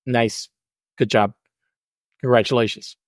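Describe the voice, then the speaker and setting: A man co-hosting a podcast banters in a joking, teasing, offhand way. His voice has an ordinary middle pitch. It is recorded close and dry, with no audible room. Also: fairly even intonation, a little slow, dry recording. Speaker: podcast co-host. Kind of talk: casual podcast chat.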